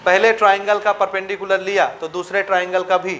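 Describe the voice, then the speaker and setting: A man with a fairly high voice explains a geometry problem at a steady teaching pace. He keeps checking whether his students follow and drops into English for the technical terms. A faint hiss sits under his voice. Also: a little fast. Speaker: maths teacher. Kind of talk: blackboard-style maths lesson.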